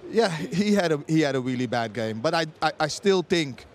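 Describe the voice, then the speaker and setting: A middle-aged man debating as a football pundit pitchside, with many restarts and non-native phrasing. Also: lively intonation, normal speed, a little hiss or hum. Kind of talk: studio-style punditry debate. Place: outdoors pitchside at a stadium. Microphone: handheld mic.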